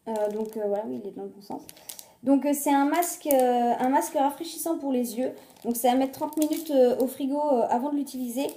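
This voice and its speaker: A woman's voice: high voice, fairly quick, mellow, echoey room. A woman showing her shopping finds in a casual haul vlog, chatty and hesitant, with many fillers and restarts, filmed on a phone resting on a glass. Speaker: beauty and shopping vlogger. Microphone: phone on a glass on a table.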